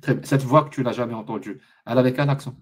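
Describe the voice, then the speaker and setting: A man hosting a live online debate, pressing his guest with sarcastic rapid questions. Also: mid-range voice, fairly even intonation, slightly rough. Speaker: debate host.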